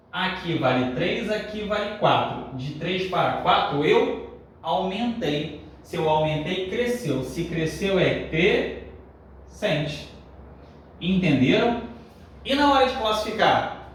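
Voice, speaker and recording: A man teaching a grammar lesson, lively, asking the class questions and answering them. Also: fairly high pitch. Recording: echoey room, a bit far from the mic, faint noise.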